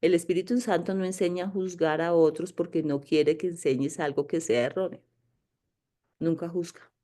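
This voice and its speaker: Woman, spiritual teacher with a warm, dark tone, casual and emphatic, checks in with her class a lot. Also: on the low side, fairly even intonation, normal speed. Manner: emphatic, asks "¿sí?" often, mimics inner voices.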